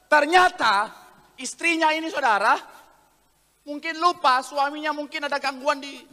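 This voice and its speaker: High, bright-voiced preaching man. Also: moderate pace. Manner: animated, acts out voices of people in his stories; jokes with the congregation. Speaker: pastor. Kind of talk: sermon. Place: church sanctuary. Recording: long church hall reverb.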